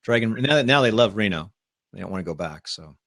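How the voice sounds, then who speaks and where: A man hosting a live online talk show, chatting casually in a rambling, upbeat way and pitching his ideas to guests. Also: animated, a little fast, gravelly, fairly bright tone, dry recording, clean studio sound. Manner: rambling, upbeat, self-promoting. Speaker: podcast host. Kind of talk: casual live-stream chat.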